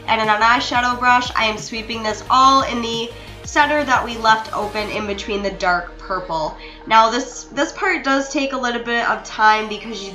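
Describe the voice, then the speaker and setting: A young woman narrating a makeup tutorial in a chatty, apologetic way, talking straight to her viewers. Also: on the high side. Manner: chatty, apologetic, addresses viewers as you guys. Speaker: beauty vlogger. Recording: roomy echo with soft music behind.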